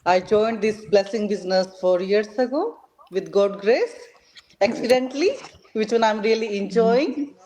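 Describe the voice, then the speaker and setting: A woman from India speaks earnestly on a live panel over a video call. Her voice is mid-pitched, with faint clicks in the background. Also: unhurried, warm tone, slight background noise, poor audio.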